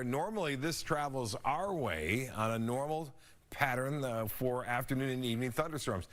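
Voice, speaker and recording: A male local TV weather forecaster with a mid-range voice. He talks through the forecast off the cuff, in a folksy, conversational manner. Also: medium pitch.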